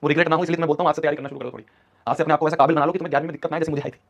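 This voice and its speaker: A man's voice: on the high side, steady tone, rapid-fire, gravelly. A young man in his twenties, an online teacher giving a motivational class talk in an urgent, scolding, repetitive way. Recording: dull lo-fi stream audio.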